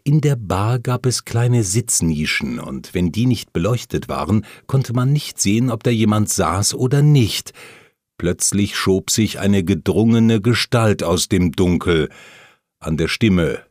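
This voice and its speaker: A man reading a first-person memoir aloud, telling the story calmly and plainly while voicing the quoted lines. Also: on the low side, unhurried, no room sound, studio quality. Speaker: audiobook narrator.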